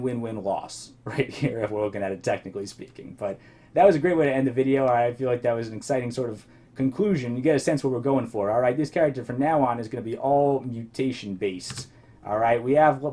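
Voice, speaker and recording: A man's voice: medium pitch, fast talker, dark tone. A man casually commenting on his own gameplay as host, thinking aloud and rambling, his voice a little worn. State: slightly losing his voice. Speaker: let's play host.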